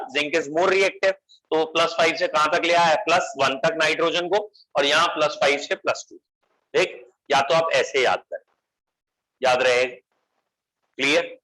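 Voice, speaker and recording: Bright-voiced male chemistry teacher. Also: on the high side, poor audio. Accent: Indian English. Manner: addresses students as beta, coaxing answers; mixes English phrases into the lecture. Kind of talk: classroom lecture.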